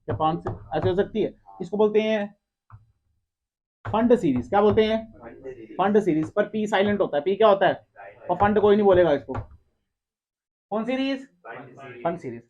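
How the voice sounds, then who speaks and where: A high-pitched male teacher runs a lively classroom lecture and keeps quizzing his students. He teases and scolds them in between questions. The recording sounds dull and lo-fi. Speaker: physics teacher. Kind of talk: classroom lecture with call-and-response.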